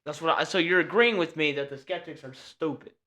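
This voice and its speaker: A man's voice: a little high, a little fast, bright, forceful tone. A man co-hosting a casual podcast, reading research notes aloud and stumbling over names with a laugh. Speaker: podcast co-host.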